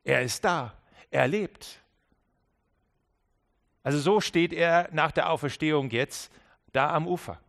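A man preaching a sermon to a congregation, emphatic, dropping to quiet low asides and repeating key phrases for weight. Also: takes it slowly, gravelly, long pauses. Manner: emphatic, swings between loud stresses and quiet low asides. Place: church service with an audience.

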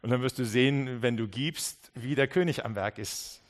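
A man preaching a Christmas sermon, speaking straight to the listener with many restarts and swings between quiet and emphatic passages. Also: mid-range voice, normal speed. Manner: earnest, direct address with many restarts.

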